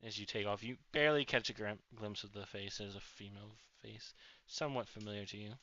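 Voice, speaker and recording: A man's voice: on the low side, fairly even intonation, quick pace, bright, forceful tone, no echo. A man narrating as game master of a tabletop game, rambling with many fillers and restarts. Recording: dull lo-fi audio.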